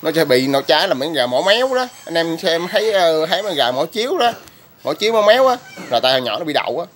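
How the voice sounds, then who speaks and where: A man vlogging about raising chickens, talking in a rough, blunt way, ranting at critics and then explaining plainly. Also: on the high side, sing-song, fast talker, fairly bright tone. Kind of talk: casual vlog talk.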